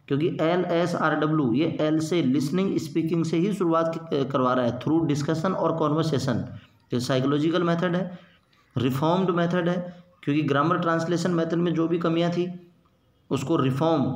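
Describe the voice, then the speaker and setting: A man's voice: on the high side, darkish tone. A man giving an exam-prep lecture as an English teacher, explaining in Hindi mixed with English terms and repeating points for emphasis. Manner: reads English quotations slowly, then glosses them. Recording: echoey room.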